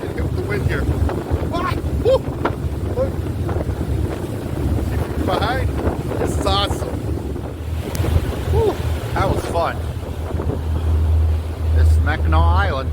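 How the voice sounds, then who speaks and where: Male casual vlogger, exclamatory, very lively pitch, unhurried, recorded outdoors in strong noise. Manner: exclamatory, whooping. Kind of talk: casual travel vlog chat. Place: outdoors on a ferry and island. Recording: windy, noisy outdoor camera audio. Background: wind and boat engine noise.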